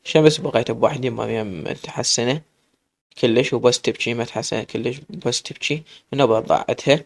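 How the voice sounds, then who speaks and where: A man's voice: mid-range voice, fairly quick, creaky. A man with an Iraqi accent reading a dramatic story aloud, with emotional first-person narration.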